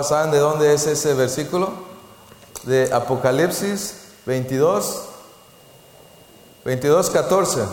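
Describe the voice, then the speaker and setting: A man giving a church talk, teaching the Hebrew alphabet in an informal way, often restarting his sentences and leading the group in repeating letters. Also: medium pitch. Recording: echoey hall with long reverb.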